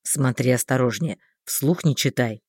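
A woman reading an audiobook voices a calm, caring male mage who speaks in a measured, unhurried way. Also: husky, dry recording, clean studio sound, exaggerated voice. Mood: cautioning. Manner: unhurried, measured, low and soft. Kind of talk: audiobook character voice.

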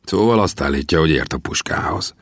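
A man voicing a gruff, lecturing older gunsmith in an audiobook, with brusque, scolding questions. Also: very deep voice, expressive, dry recording, clean studio sound, full character voice. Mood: testing. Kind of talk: audiobook character voice.

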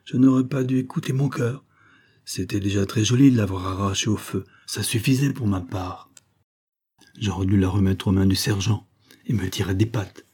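A man's voice: fairly low pitch, moderate pace, a little mellow, husky. A man voicing a scheming woman who is dismayed and fretful, speaking in exclamations and slang, in an audiobook. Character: scheming woman, frightened mother figure.

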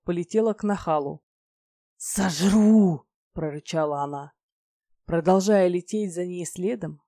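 A woman reading a fantasy story aloud in a measured, expressive storytelling manner. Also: on the low side, no echo, studio quality. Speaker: audiobook reader. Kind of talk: scripted narration.

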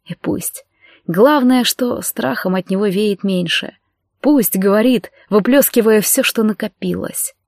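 Female audiobook narrator, even unhurried delivery, dry close studio recording. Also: mid-range voice, dry recording. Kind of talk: scripted fiction narration.

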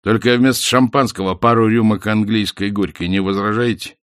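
A man's voice: on the low side, steady tone, a little fast, no echo, studio quality, lightly acted. A man voicing a jovial swindler who talks cocky and smirking, in an audiobook. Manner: cocky and mocking.

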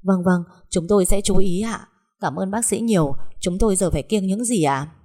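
A woman voicing a furious, hot-tempered peasant woman who shouts threats. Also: mid-range voice, moderate pace, lightly acted. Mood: anxious polite.

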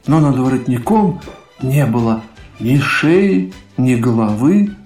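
A male narrator at a medium pitch reads a literary radio play with measured, expressive storytelling. His voice rings in a roomy space. Soft music plays underneath. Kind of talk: literary narration in an audio drama.

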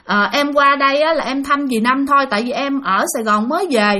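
A polite young visitor explains himself, bewildered. The voice sits high, with a woman narrator doing the part. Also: a little fast, bright, forceful tone.

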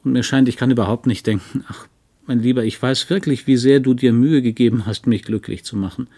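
A man's voice: mid-range voice, fairly even intonation, brisk, dark tone, natural voice. Man voicing torn young wife, hesitant, slightly raised voice, audiobook. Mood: confused. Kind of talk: audiobook reading.

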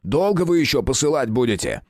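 Commanding detective in an audiobook voiced by a man, curt barked orders, lively raised pitch. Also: brisk, no echo, studio quality. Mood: commanding, stern. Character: gruff forceful police detective, commanding.

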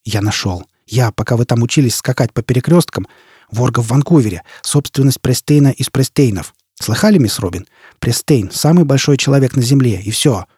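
A man's voice: medium pitch, animated, a little fast, dark tone, breathy edge, no room sound, studio quality. A man playing a scarred, menacing, vengeful man who speaks in a curt, growling, threatening way. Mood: obsessed, fierce.

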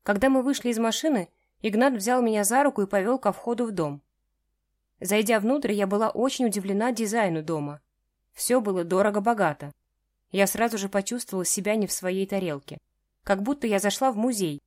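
A woman's voice: mid-range voice, fairly quick, darkish tone, no echo, studio quality. Woman reading a romance audiobook. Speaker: audiobook narrator.

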